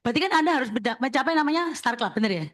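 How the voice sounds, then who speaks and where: A woman, an insurance agency leader briskly coaching listeners and checking in with them as she talks. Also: on the high side, expressive, a bit bright. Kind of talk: sharing tips at a talk session.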